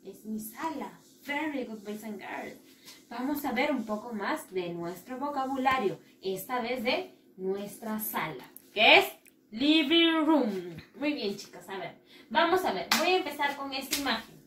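A woman primary school teacher giving a recorded lesson, patient and slow as she drills repetition. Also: fairly high pitch, lively intonation, fairly bright tone, a little hiss or hum. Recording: echoey room, mic at a distance.

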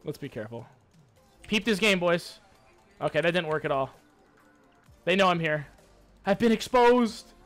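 Excitable high-voiced man gaming. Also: moderate pace, long pauses, soft background music. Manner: excitable, hyped, swears and taunts enemies. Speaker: gaming YouTuber. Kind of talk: live gameplay commentary.

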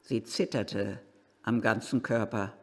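A man giving a live first-person literary reading, slow and expressive with excited outbursts, in an old gatehouse. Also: lowish voice. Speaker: reader. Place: old gatehouse at a historic cemetery. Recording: reverberant hall.

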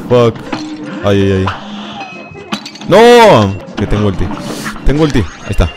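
A man with a fairly low voice gives live commentary on his game, talking under his breath and then yelping and urging his character on. Loud game music plays clearly behind his voice on the stream. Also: fairly quick. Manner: excitable, yelps and laughs at the game; talks at his character, mutters to himself.

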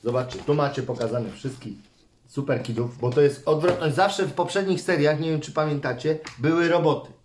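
A man's voice: fairly high pitch, a little fast, darkish tone, a little hiss or hum. A man, a father hosting a casual toy unboxing with his son, chatty and teasing, reading a comic aloud. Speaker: father and channel host.

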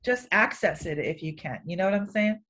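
A woman artist speaking on a panel in a relaxed, conversational way, laughing often. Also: lowish voice, brisk. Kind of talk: panel discussion.

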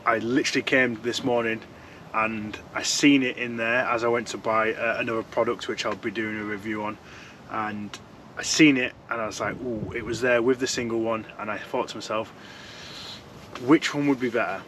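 A man's voice: lowish voice, steady tone, moderate pace, a bit bright, a little hiss or hum, poor audio. A young man chatting casually as he reviews fishing gear from inside a tent, rambling and restarting his sentences. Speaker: fishing vlogger.

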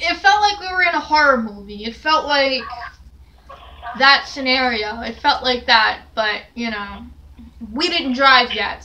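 A young woman's slightly high voice, with its highs cut off and background noise behind it, rambles through a casual story full of fillers and restarts. She's a storytelling vlogger recording indoors in her small, cluttered bedroom on a distant camera mounted on a stand.

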